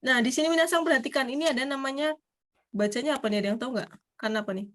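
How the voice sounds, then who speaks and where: A woman teaching a Japanese class in a chatty, casual way, laughing often and reading example sentences out slowly. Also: high-pitched, a bit bright. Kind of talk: casual online class explanation.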